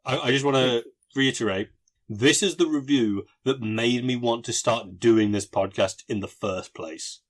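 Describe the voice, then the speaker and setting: A man's voice: mid-range voice, a little slow. A man hosting a casual podcast, reading out film reviews and adding emphatic, amused asides. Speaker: podcast host.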